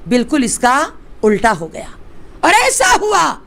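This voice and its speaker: A woman's voice: high-pitched, huge pitch swings, fairly bright tone, slight background noise. A woman religious teacher from Hyderabad, India, telling a sacred story to women with drama and rhetorical questions to her listeners.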